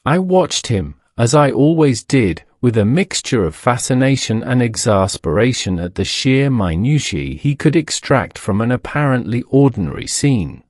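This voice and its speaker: A man narrating a detective story in a measured, scripted storytelling manner. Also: mid-range voice, big pitch swings, no room sound, studio quality.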